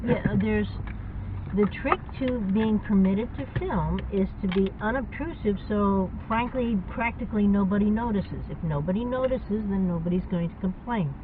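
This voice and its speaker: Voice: mid-range voice, moderate pace, far from the mic. A person chatting casually while driving a car. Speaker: driver. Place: inside a moving car. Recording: tinny sound, loud car road noise.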